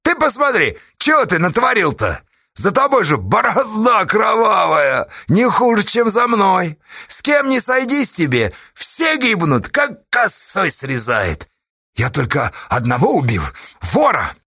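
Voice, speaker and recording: A sly outlaw with a devil's grin, as a male reader plays him, jeering in a raised, gravelly voice that swings wide and lively. He is loud and accusing, his taunts landing hard in a bright, husky tone. It is a storybook villain, close and dry. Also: high voice, unhurried, no room sound, voice pushed up, exaggerated voice. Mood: mocking.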